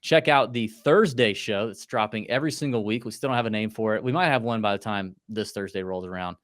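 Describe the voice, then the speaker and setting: A man's voice: fairly low pitch, a little fast, no echo, clean studio sound. A man in his late thirties hosting a podcast, ranting in casual chat with lots of restarts and asides. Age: 30s. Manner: rambling, animated rants with restarts. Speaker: podcast host.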